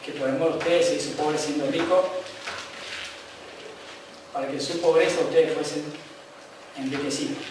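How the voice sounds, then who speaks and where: A man's voice: a little high, fairly even intonation, moderate pace, long pauses, background noise. A man preaching a sermon as pastor in a Rioplatense Spanish accent, impassioned, with repeated refrains and frequent rhetorical "¿eh?" asides, recorded from a distance in a church. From Argentina. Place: church sanctuary. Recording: very echoey hall, mic far off.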